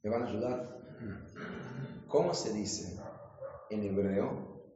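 A man, a rabbi giving a lively Torah class in a synagogue, quizzing his listeners and joking with them. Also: fairly low pitch, slow, slight background noise. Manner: jokes and quizzes the audience with questions. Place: synagogue hall. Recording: echoey hall, dull lo-fi sound.

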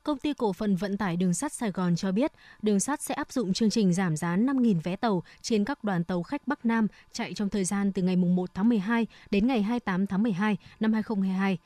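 A woman presents scripted radio news. Her delivery is formal and measured, in a medium-pitched voice. The sound is close and dry, with little room in it. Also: mellow, dry recording.

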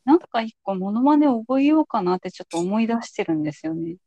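A woman's voice: medium pitch, animated, quick pace, dark tone, no room sound, highs cut off. A woman hosting a podcast in a casual, conversational interview style. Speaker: podcast host.

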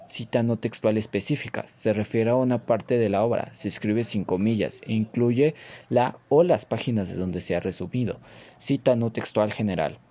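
Mellow, lowish-voiced man narrating a lesson. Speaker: narrator and explainer. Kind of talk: scripted educational narration.

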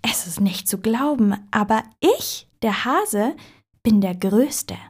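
A woman's voice: fairly high pitch, expressive, slow pace, breathy edge, voice pushed up, heavily acted. A woman voicing a very polite, timid male hare in a storybook reading, in whispered role-play with an overly courteous manner.

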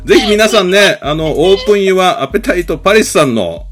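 A man's voice: high-pitched, expressive, a bit bright, soft background music. A male podcast host from the Kansai region of Japan, chatty and effusive in a friendly interview. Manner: chatty and effusive, quick reactions.

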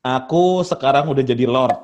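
A man's voice: medium pitch, moderate pace, background noise. A man with in a casual podcast chat, teasing his friends and running a quiz with clues. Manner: joking, teasing, quizzes with clues.

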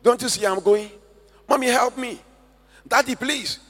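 A Ghanaian man voicing a frightened little girl crying for her parents, in a high pleading wail. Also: a little slow, a bit bright, heavily acted. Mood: desperate. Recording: long church hall reverb.

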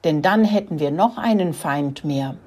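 A woman voicing a little girl mouse in a children's story, squeaking quickly. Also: animated, a little mellow, slightly rough. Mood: relieved. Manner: squeaking, relieved.

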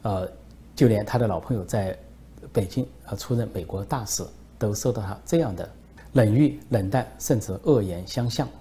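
A man's voice: fairly low pitch, moderate pace, warm tone. A man giving solo political commentary in an emphatic way, with frequent fillers.

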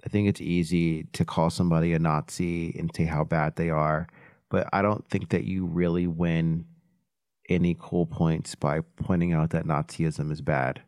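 A man in a casual podcast roundtable, speaking in a measured, reflective way. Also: deep voice, flat delivery, darkish tone, smooth, no echo, studio quality.

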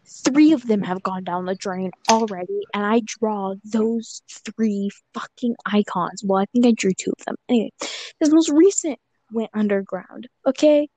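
A young woman in her twenties chats on a podcast with a husky, breathy voice, slow and loose as she laughs and swears her way through. She sounds tipsy and scattered. The recording is close and dry. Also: medium pitch, mellow, no room sound, rough recording. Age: young adult. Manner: laughing, profane, tipsy rambling. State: drunk. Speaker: podcast host. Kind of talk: casual podcast chat. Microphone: desk microphone.

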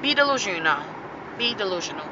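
A woman's voice: medium pitch, sing-song, fast. A woman hosting her own podcast, talking casually and with slang, laughing here and there as she gives a motivational talk. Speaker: podcast host. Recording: muffled audio with clear traffic noise.

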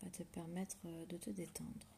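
Woman, close-to-the-ear whisper, guided meditation, crackly fry, slow soothing delivery, long pauses, faint background noise. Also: on the low side, steady tone, warm tone.

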